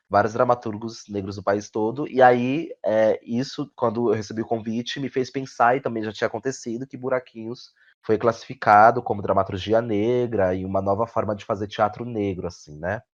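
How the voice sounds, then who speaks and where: A Brazilian-accented man, a guest who writes plays and acts, answers interview questions thoughtfully, groping for words, repeating himself and frequently ending on tag questions. He speaks at normal speed in a lowish, steady voice, over dull, lo-fi audio.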